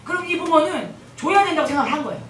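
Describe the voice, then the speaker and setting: A woman gives a guest talk at a church revival, her pitch swinging widely as she rushes through her points. She keeps tossing rhetorical questions at the crowd. The sound is roomy and caught from some way off the mic, with a faint hiss underneath. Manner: animated, asks the audience rhetorical questions. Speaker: guest missionary speaker. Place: large church hall. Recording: echoey hall, mic at a distance.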